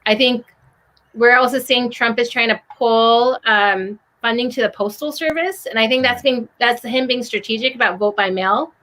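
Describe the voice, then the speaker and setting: A woman's voice: on the high side, moderate pace, fairly bright tone, low-quality recording. A woman podcaster talking earnestly and urging listeners on, in a casual discussion over a video call. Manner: earnest, urging, with many likes.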